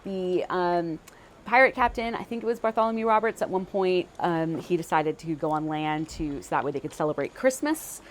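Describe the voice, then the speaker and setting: A woman historian appears as a guest and explains things casually in a fairly low voice at normal speed. She's chatty and leans heavily on fillers, saying "like" and "you know" often, over a slight hiss or hum.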